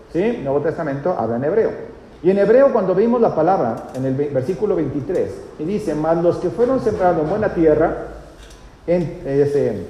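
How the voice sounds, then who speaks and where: A man's voice: on the high side, dark tone. A male pastor, teaching a sermon and often checking with the congregation. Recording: echoey church hall, faint noise.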